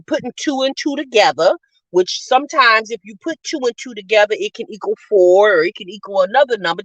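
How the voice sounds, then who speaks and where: A woman's voice: medium pitch, a bit bright, no echo. A middle-aged woman hosting a casual commentary channel, talking in a chatty, sassy way and calling her listeners y'all, sis and honey. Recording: dull, lo-fi dry recording.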